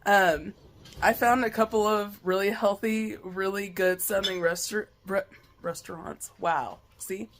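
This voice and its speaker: A woman with a medium-pitched, slightly allergy-worn voice narrates her cooking vlog at a measured pace from her home kitchen. Relaxed and chatty, she stumbles and uses fillers, while dishes, pots and pans clink and a little hiss or hum is audible.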